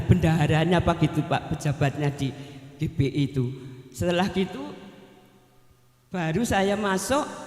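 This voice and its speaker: An older woman with a Javanese accent gives a chatty church testimony, often turning to address the pastor directly. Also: lowish voice. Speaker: evangelist giving a testimony. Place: church hall. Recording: reverberant church hall.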